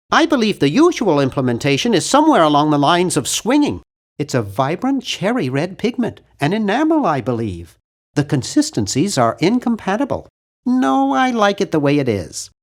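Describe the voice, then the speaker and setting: Bernard Bernoulli, nerdy, swoopy high-voiced young man. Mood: wry, matter-of-fact. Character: nerdy, timid, fussy young male adventure-game hero. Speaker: game character voice actor. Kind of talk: cartoon adventure game voice lines.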